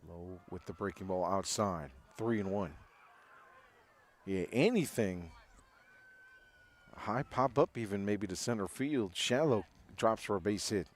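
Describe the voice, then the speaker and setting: A man's voice: on the low side, a little slow, long pauses. A man doing live baseball play-by-play, with a home run call style that stretches out on big hits.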